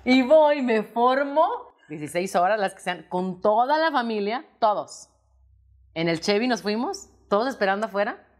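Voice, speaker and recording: A Mexican woman in her thirties talks as a guest on an interview show. She tells her stories with energy, slipping into quick acted-out quotes of the people in them. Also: a little high. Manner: lively anecdotes with acted-out quotes. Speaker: interview guest, singer and actress. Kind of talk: casual storytelling interview.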